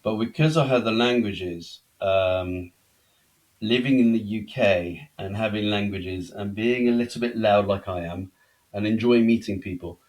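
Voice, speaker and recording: A man's voice: fairly low pitch, measured pace, a little mellow, rough recording. A middle-aged man from Belgium, telling his life story as a guest in a conversational interview, chatty and self-deprecating. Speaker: podcast guest.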